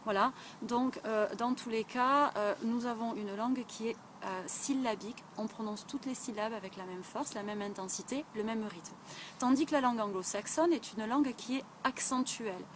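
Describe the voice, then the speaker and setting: A woman's voice: on the high side, normal speed, a little hiss or hum. A woman from southwest France with a southwestern French accent, explaining English listening skills in a chatty video lesson full of fillers. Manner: chatty, many fillers like "euh" and "ben". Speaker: English teacher.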